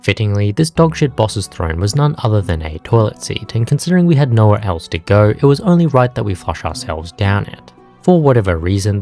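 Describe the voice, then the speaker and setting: Sarcastic, foul-mouthed gags in a flat deadpan fill this young gaming narrator's scripted, comic commentary on his play. He speaks at a fairly low pitch.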